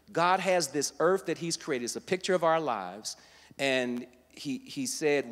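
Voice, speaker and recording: Man preaching in a reverberant hall. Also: on the high side. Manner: teaching verse by verse, builds to loud emphatic passages. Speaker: guest preacher. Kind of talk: sermon. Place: church sanctuary.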